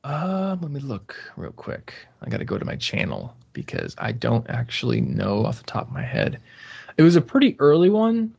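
A man's voice: mid-range voice, huge pitch swings, normal speed, creaky, a little mellow, slightly rough. Chatty man explaining his video process. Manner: chatty, explains step by step with many "like" fillers. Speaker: guest, YouTuber. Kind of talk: casual podcast interview. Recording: dull, slightly lo-fi sound.

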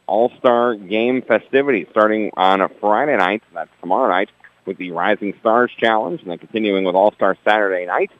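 A man with a very low voice delivers local radio sports commentary in a steady, dense announcer style. His voice has a radio broadcast sound, dull and lo-fi. He reads scores and station promotions at an even clip. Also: no echo.

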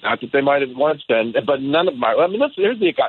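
A man's voice: mid-range voice, big pitch swings, fast. Man over a tinny phone line. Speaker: caller to a radio talk show. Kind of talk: casual political call-in chat.

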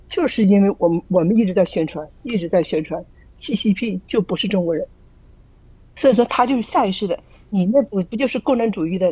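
A woman's voice: medium pitch, darkish tone, breathy edge, dry recording. Earnest woman with muffled lo-fi sound. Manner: earnest, rhetorical questions, frequent restarts. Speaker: church group member sharing. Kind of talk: casual spoken sharing.

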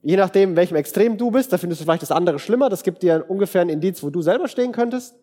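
Earnest high-voiced preacher in a reverberant hall. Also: male voice, expressive, rapid-fire, dark tone. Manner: earnest, direct, talks straight to listeners. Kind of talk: conversational sermon.

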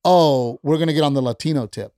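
Talking fast in a mellow, slightly high voice, a middle-aged comedian sits as a podcast guest and gets blunt and heated in casual conversation, cursing freely. The podcast studio recording is clean, with no room sound.

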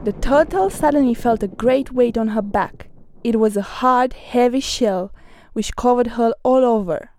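A woman narrating a folk tale in a clear, measured storybook reading. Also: on the high side, a little mellow, no room sound.

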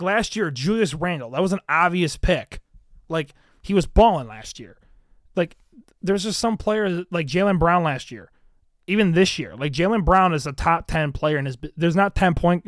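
A man's voice: a little high, lively intonation, moderate pace, no echo, studio quality. A young man hosting a solo sports podcast, rambling casually with lots of filler words and swearing. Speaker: podcast host.

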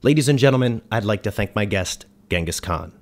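An actor playing a dry, exasperated ghost who hosts a radio show, speaking in a deadpan, wry way. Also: male voice, fairly low pitch, fairly quick. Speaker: host. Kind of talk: comedy radio sketch.

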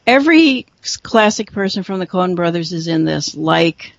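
A man hosting a casual talk show with a gravelly voice, chatty and halting, asking questions. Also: high-pitched, lively intonation, fairly bright tone, no echo, highs cut off. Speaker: host. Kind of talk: casual podcast chat.

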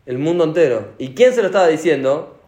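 Argentine rabbi teaching in an echoey hall. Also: male voice, on the high side, brisk. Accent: Argentine Spanish. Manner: animated, asks the audience questions. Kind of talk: sermon to an audience. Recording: echoey room.

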